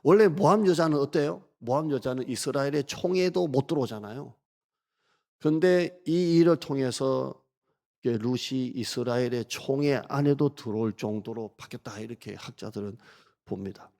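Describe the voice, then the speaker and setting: A man's voice: medium pitch, normal speed, vocal fry, dark tone. A man in his fifties, a pastor preaching a conversational sermon and asking the congregation questions.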